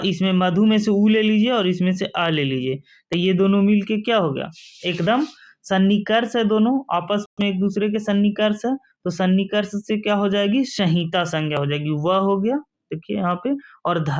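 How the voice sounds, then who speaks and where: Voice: medium pitch, normal speed. A teacher giving a grammar lesson for exam preparation, who asks the class questions and then answers them himself. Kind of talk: exam-prep lesson explaining rules. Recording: dull lo-fi sound.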